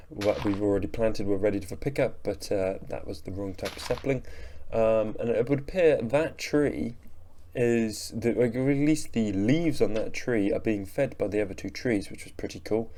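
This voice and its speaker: Sleepy man narrating his game, low voice. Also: warm tone, slight background noise. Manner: sleepy, yawning, rambling and self-mocking. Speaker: gaming channel host. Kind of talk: relaxed gameplay commentary voice-over.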